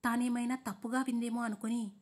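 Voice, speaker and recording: A woman narrating a drama story in a steady, measured reading style. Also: a little high, breathy edge.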